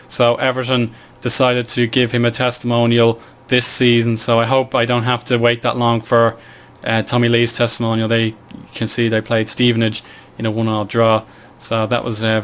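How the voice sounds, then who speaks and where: A man's voice: medium pitch, fairly bright tone, clean tone. A man giving casual, hesitant commentary on a management game he is playing, with frequent fillers.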